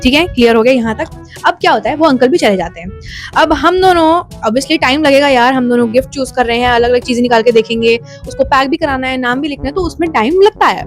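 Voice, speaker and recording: A woman's voice: high voice, expressive, quick pace, soft background music. A woman telling a personal story to her phone camera in a chatty way, mixing English into her speech and often checking in with her listeners. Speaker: storytime vlogger. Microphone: phone front camera.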